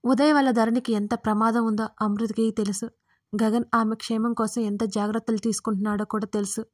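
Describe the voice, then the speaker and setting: A woman reading a romance story aloud in a steady, soft-spoken narration. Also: on the high side, fairly quick.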